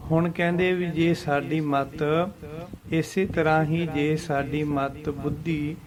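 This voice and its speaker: A man teaching the pronunciation and meaning of Sikh scripture, patiently repeating verses slowly to model how they should be said. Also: on the high side, level tone, crowd noise. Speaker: Gurbani teacher.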